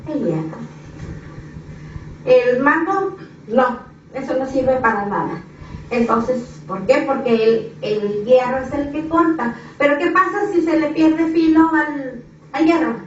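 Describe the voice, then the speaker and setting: A woman's voice: sits high, expressive, slow, slight background noise. A woman preacher delivering an impassioned sermon in a church, piling up repetitive phrases and rhetorical questions. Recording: echoey dull hall recording from a distance.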